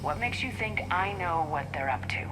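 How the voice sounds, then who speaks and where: A woman's voice: on the low side, animated, normal speed, music in the background, natural voice, low-quality recording. A woman playing a resolute, authoritative female military commander in a sci-fi game, speaking tersely. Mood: defensive, firm. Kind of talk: dramatic sci-fi game dialogue.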